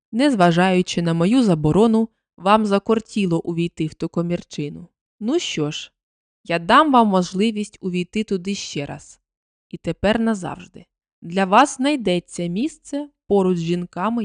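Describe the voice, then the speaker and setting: A woman's voice: lowish voice, no echo, clean studio sound, lightly acted. Bluebeard, a stern cruel husband, as a woman reads him. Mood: menacing. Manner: slow, stern and threatening. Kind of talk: storybook reading.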